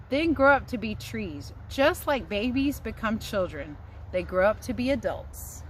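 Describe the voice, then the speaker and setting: Outdoors under trees near a house, a woman teacher reads a picture book to children, tossing in casual asides and encouraging her young listeners. Her voice is a little high and a bit bright, with outdoor noise and passing aircraft in the background.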